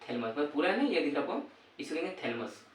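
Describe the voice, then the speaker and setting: Male teacher in a classroom, call-and-response quizzing; slightly high voice, roomy and distant recording. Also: big pitch swings, fast talker. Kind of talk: classroom lesson. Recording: echoey room, voice from far off.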